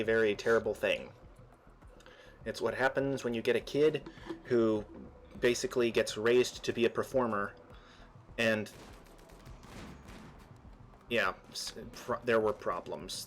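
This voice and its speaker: A man's voice: fairly low pitch, fairly even intonation, a little slow, pauses often, a little hiss or hum. A man chatting casually while streaming a game, rambling through trivia and explanations with frequent restarts. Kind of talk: casual gameplay chat.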